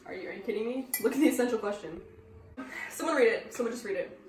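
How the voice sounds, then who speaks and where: A woman's voice: a little high, animated, fast, a little mellow, slight background noise, lightly acted. School skit teacher, male role played by a teen girl, lecturing and exasperated; echoey, distant mic. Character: fussy male history teacher, easily exasperated.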